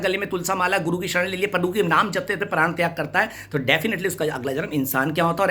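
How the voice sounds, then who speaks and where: A man's voice: sits high, sharp tone. A man giving a devotional sermon, scolding and urging his listeners with rhetorical questions and repetition. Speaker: devotional preacher.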